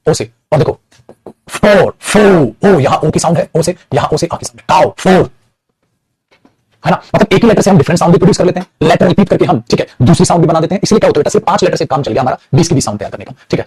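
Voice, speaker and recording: A man's voice: fairly high pitch, darkish tone, slightly rough, no room sound. A man teaching an English grammar lesson in Hindi, calling his students beta and repeating his points with emphasis, with a Hindi accent on English words.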